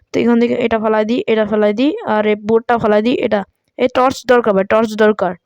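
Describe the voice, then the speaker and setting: Brief: woman gaming host, pitched a bit high, dry close sound, excitable running commentary. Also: clean tone, no echo. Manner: excitable, frequent shrieks and exclamations; chatty, talks straight to viewers. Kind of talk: live gameplay commentary.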